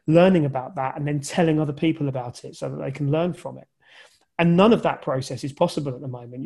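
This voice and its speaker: A man with a fairly high voice talks through his answers over a video call. He is a journalism lecturer who sounds reflective and circles back to rephrase his points. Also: gravelly, a little mellow, slightly rough. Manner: thoughtful, many restarts and fillers. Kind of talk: conversational interview answers.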